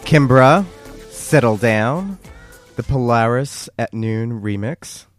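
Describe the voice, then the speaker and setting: A man's voice: medium pitch, expressive, slow pace, faint music behind. A man hosting a podcast in a casual, chatty way, often laughing along. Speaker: podcast host.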